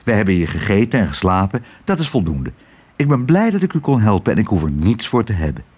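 A man's voice: fairly low pitch, sing-song, fast talker, darkish tone, husky, pitched below the performer's own voice. A man voicing a modest, shy young father who answers politely and a little hesitantly.

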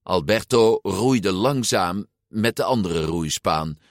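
A man reads a children's storybook aloud, slow and expressive. His lowish voice swings through a lively melody, recorded dry and close to the mic. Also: no echo. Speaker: storybook narrator. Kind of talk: storybook read-aloud narration.

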